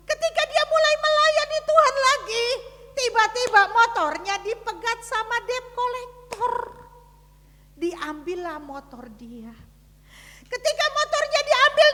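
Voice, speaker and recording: A woman preacher giving a dramatic sermon to her congregation, telling a story with big swings from loud to hushed. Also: very high voice, long reverb tail. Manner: addresses the congregation directly. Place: church service.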